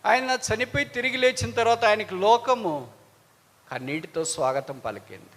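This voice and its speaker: A male preacher delivering a dramatic sermon, swinging from hushed lows to loud pleading highs, with strings of repeated rhetorical questions. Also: lively intonation, normal speed, long reverb tail.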